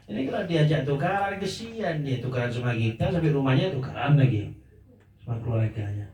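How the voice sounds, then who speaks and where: A man preaching a lively sermon, asking his listeners rhetorical questions. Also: medium pitch, a little fast. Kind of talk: religious sermon. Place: religious gathering hall. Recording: echoey hall, mic from a distance.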